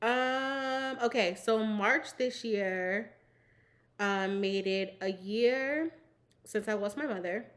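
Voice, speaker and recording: A woman's voice: mid-range voice, slow, a bit bright. A bubbly young woman hosting a live stream, chatting casually with her viewers, giggling often, saying "like" a lot, and talking while she snacks. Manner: bubbly and giggly, fills speech with "like". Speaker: livestream host.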